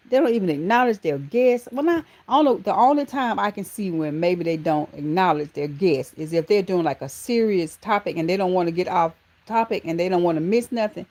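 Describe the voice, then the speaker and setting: A Georgia woman with a Southern accent and a lowish voice hosts a casual livestream at normal speed. She greets viewers by name, calls them baby and honey, and is affectionate and full of animated exclamations.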